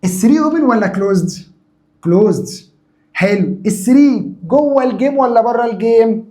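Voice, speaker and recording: A man's voice: very high-pitched, lively intonation, moderate pace, warm tone. A man with an Egyptian Arabic accent teaching a math lesson, who asks his own questions, answers them himself and repeats key points. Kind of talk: recorded classroom lesson.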